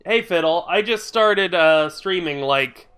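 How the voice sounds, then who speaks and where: His voice slightly high and congested from a lingering cold, a man plays a video game on stream and chats with viewers. The talk is slow and meandering, full of grumbling and offhand swearing, delivered in an animated, somewhat bright, clean tone.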